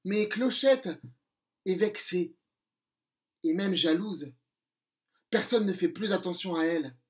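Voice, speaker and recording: A man reading a storybook aloud to children, slow and expressive. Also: sits high.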